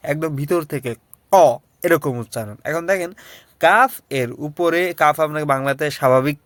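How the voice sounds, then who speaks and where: A man teaching the Arabic alphabet, slowly repeating each letter sound for learners to copy. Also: fairly high pitch, a bit bright, no echo. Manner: slow, repetitive drilling of sounds. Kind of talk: alphabet lesson.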